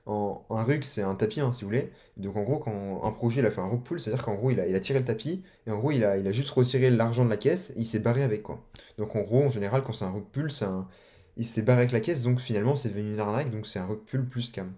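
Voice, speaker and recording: A young man explains things in a loose, slangy way, full of fillers and restarts. His voice sits fairly low and sounds dark and mellow. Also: fast talker. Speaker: online course instructor. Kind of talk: casual explanatory tutorial.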